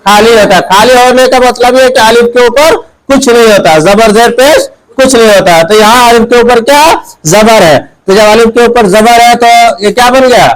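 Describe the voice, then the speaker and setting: A man teaching Quran reading in a call-and-response lesson, asking questions and answering them himself, and drilling syllables slowly. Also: very high voice, poor audio.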